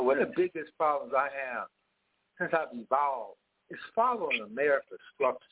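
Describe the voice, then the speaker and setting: A man's voice: a little high, slightly rough. A man calling in to a radio talk show over the phone, speaking emphatically and firing off rhetorical questions. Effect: heard over a phone line. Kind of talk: impassioned call-in commentary. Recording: tinny phone line on radio.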